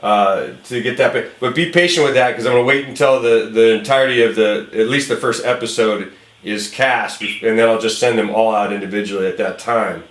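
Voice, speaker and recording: A man with a lowish voice speaks a little fast in a roomy, echoey space. Acting as a film director casting an actor, he's casual and encouraging, mixing an informal phone call with talk to viewers.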